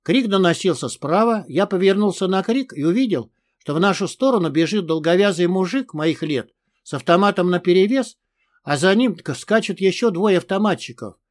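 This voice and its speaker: A man reading a first-person audiobook in a tough, gruff manner. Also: sits high, animated, normal speed. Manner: tough, gruff with crude curses in dialogue. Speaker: audiobook narrator.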